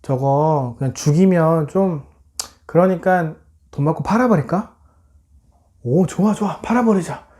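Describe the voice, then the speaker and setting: Grumpy jealous big brothers muttering low and mean, man putting them on in a kids' bible story. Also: unhurried, long pauses, warm tone, natural voice. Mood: scheming. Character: jealous older brothers, grumbling and scheming.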